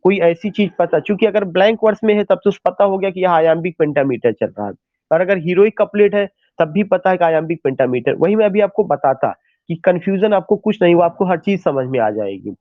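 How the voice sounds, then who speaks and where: A man's voice: high-pitched, lively intonation, fairly quick, dry recording. A man teaching poetic metre as a lecturer, asking questions and answering them himself, with English terms mixed into his talk. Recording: dry, tinny phone-line sound.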